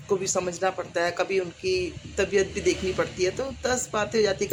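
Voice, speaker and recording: Earnest middle-aged woman, casual heartfelt talk to camera, mid pitch. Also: a little hiss or hum. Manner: earnest, heartfelt, rambling with many fillers. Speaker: YouTuber.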